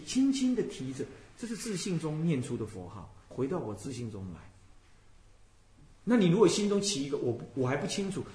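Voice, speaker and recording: A Buddhist abbot from Taiwan teaches in a lively, swooping voice that sits a little high for a man. He keeps putting rhetorical questions to his listeners and sometimes quiets down to show how to chant. The recording is echoey, with faint noise behind him. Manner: animated lecturing, asks listeners rhetorical questions, softly demonstrates chanting. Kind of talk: dharma lecture.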